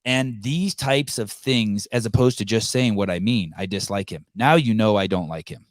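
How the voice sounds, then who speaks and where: A podcast host at his home in California, whose first language is Armenian, rambles through a casual conversation with frequent restarts and blunt profanity. His voice is on the low side at a moderate pace, captured in a dry, studio-quality recording.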